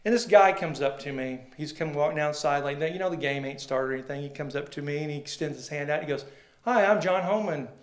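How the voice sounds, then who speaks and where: A man's voice: a little high, steady tone, fast, few pauses. Folksy man telling stories in a roomy space. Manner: rambling, folksy, acts out quoted dialogue. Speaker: sports photographer guest. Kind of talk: casual storytelling interview. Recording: roomy echo.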